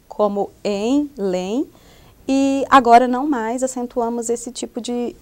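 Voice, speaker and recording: A woman's voice: a little high, darkish tone. A young adult woman from Brazil with a Brazilian Portuguese accent, presenting a lesson in an explanatory way with frequent hesitation fillers. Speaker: student presenter. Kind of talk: recorded classroom lesson.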